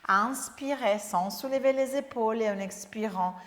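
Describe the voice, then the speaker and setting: Upbeat woman leading a Pilates class. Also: fairly high pitch. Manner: upbeat, giving brisk exercise cues. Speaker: Pilates instructor. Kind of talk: guided workout instruction. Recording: echoey room with long reverb.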